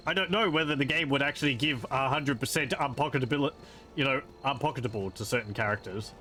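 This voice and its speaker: A man's voice: medium pitch, quick pace, pushed and bright, soft background music. A man casually commenting on a game he is playing, offhand and musing. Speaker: let's-play commentator.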